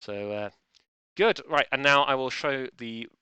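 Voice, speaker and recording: A man's voice: mid-range voice, measured pace, bright, forceful tone, clean tone, no room sound, lo-fi sound. A man hosting a live-streamed online quiz in a chatty, playful way, often restarting his sentences as he fumbles with the setup. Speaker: quiz host.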